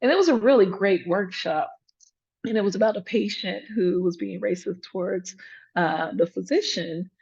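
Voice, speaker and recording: Woman presenter, easygoing and chatty, gravelly voice, dull call audio. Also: mid-range voice, moderate pace, darkish tone. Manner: chatty, lots of fillers and restarts. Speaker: workshop presenter, emergency physician. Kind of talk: laid-back workshop talk.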